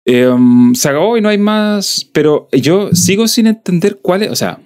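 A man's voice: high-pitched, measured pace. A man in his forties with a Chilean accent, chatting casually and acting out quotes. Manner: animated, acts out quotes. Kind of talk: casual chat.

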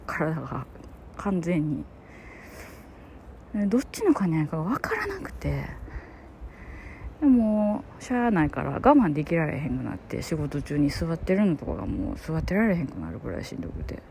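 A woman with a Kansai accent, chatting through a personal story in an animated way, laughing often and dropping to soft murmurs. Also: low-pitched, normal speed, creaky, a little hiss or hum. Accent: Kansai Japanese. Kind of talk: casual personal storytelling monologue.

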